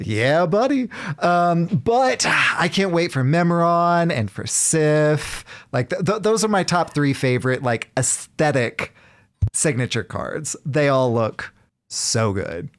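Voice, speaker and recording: A man's voice: fairly high pitch, lively intonation, takes it slowly. A man co-hosting a podcast, talking eagerly and enthusiastically in casual chat. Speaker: podcast co-host.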